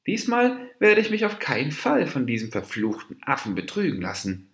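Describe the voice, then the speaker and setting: Brief: a man playing a furious, stubborn storybook mouse deer, snappish and firm, lively pitch, echoey room. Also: normal speed. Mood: angry. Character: wrathful stubborn male mouse deer, fable hero. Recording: roomy echo.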